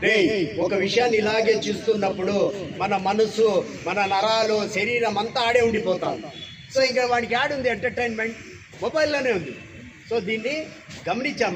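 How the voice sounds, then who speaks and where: A man leading a public yoga session, coaxing the group with cheerful calls to clap, shout and laugh. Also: sits high, brisk, crowd noise. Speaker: yoga instructor. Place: outdoor public yoga event. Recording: roomy echo from far off, noisy.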